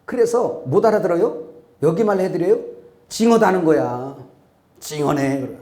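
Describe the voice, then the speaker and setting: Impassioned high-voiced male pastor preaching. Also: expressive, a little slow. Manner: impassioned, swings from loud exclamations to hushed asides. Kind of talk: sermon. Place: church sanctuary. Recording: echoey church hall.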